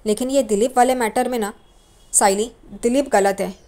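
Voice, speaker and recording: A protective young husband talks his wife through her worries in blunt, casual street speech, read by a woman narrator. The voice sits a little high and stays close to an everyday tone. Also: fairly even intonation, normal speed, warm tone, close to an everyday voice. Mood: consoling. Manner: reassuring, plain-spoken street Hindi.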